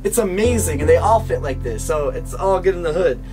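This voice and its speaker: A young man with a high voice talks to his viewers in a casual vlog style. His delivery is slangy and chummy, recorded by a camera a few feet away in a small room at home, with music clearly behind him. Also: animated, brisk. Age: young adult. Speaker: vlogger. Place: small home rooms, indoors.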